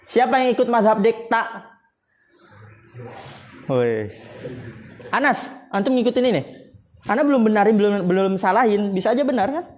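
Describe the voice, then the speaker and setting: Give me a high-pitched Indonesian man teaching a lively grammar lesson and calling on students. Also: normal speed, pauses often, a little hiss or hum. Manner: lively, quizzes students and laughs often. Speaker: Islamic boarding school teacher. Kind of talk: classroom Arabic grammar lesson.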